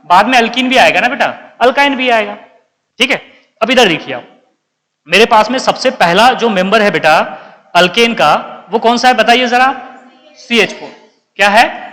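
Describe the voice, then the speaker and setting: Male chemistry teacher, slight lilt, high and bright, drills students with call-and-answer questions; echoey classroom with long reverb. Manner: calls students beta, asks and answers own questions. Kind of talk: classroom lecture.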